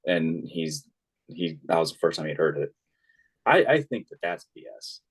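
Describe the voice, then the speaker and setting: Deep-voiced easygoing man. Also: sing-song, moderate pace, slightly rough. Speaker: sports podcast co-host. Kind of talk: casual chat.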